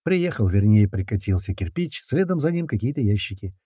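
A man reading an action story aloud in the first person, with brisk, slangy narration and shouted lines for the characters. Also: on the low side, sing-song, husky, no room sound, studio quality. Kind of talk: audiobook narration with character voices.

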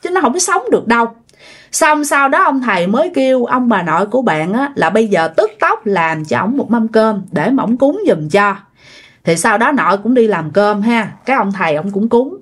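With a slightly rough, medium-pitched voice full of big pitch swings, a woman recounts a ghost story at a moderate pace in a Southern Vietnamese accent. Her tone is casual and chatty as she talks directly to listeners.

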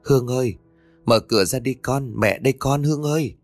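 A man's voice: mid-range voice, a little fast, no room sound, soft background music, natural voice. A man voicing an older, superstitious mother-in-law with a fretful, knowing way of talking. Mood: frantic. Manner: fretful, knowing folksy talk.

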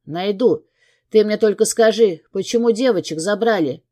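A woman's voice: mid-range voice, normal speed, warm tone, lightly acted. A woman reading an audiobook and voicing a tough, hot-tempered male crime boss who gives harsh commands. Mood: enraged. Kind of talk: audiobook character voice.

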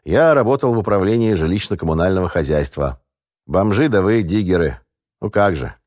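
A man's voice: sits low, animated, brisk, a little mellow, no echo, clean studio sound. A man voicing a sly male scout who lies brazenly, with an offhand, smirking manner, in an audiobook.

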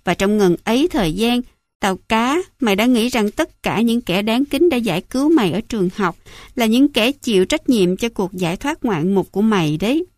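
A woman's voice: fairly high pitch, expressive, moderate pace, a little mellow, no echo, clean studio sound, natural voice. A woman voicing a cruel, scornful middle-aged mother who smokes and mocks her son. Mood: sneering. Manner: sneering, mocking, contemptuous.

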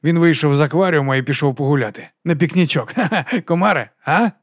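A man's voice: on the high side, fast talker, no room sound, studio quality, pitched above the performer's own voice. A man doing a giddy, drugged detective. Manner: excited, tipsy rambling, shouting at times. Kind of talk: audiobook character voice.

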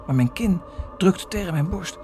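A man's voice: high voice, expressive, moderate pace, a little mellow, soft background music, pitched above the performer's own voice. A man voicing a terrified pregnant mother who begs and sobs for her life. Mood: pleading. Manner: pleading, sobbing, breathless.

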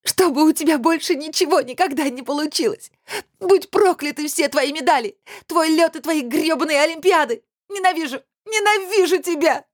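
A woman voicing a heartbroken young woman who speaks in a shrill, tearful, shouting way, in an audiobook. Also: brisk, husky, dry recording, studio quality. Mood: screaming.

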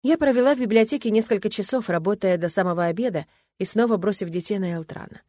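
A woman narrating an audiobook in the first person, calm and even. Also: mid-range voice, fast talker, dry recording.

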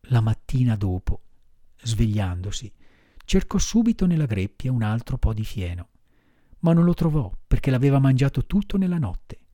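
A man narrating a children's classic audiobook in a measured, expressive way. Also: mid-range voice, dry recording, studio quality. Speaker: audiobook reader.

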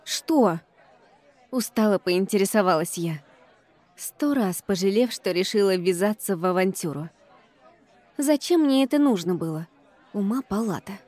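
A woman's voice: mid-range voice, expressive, moderate pace, a little mellow, no room sound, some chatter behind. A woman reading a first-person audiobook with an ironic, exasperated tone. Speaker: audiobook reader.

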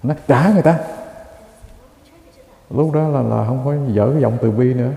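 A Buddhist monk preaches in a deep, very dark voice with a gravelly edge. His delivery is measured and emphatic, and he keeps turning to address his listeners. The sound rings with the long reverb of a large hall. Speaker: Buddhist monk giving a dharma talk. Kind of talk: sermon.

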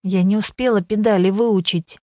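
A woman's voice: mid-range voice, steady tone, moderate pace, darkish tone, dry recording, clean studio sound, lightly acted. A woman voicing a flustered, defensive woman who panics while learning to drive, in an audiobook.

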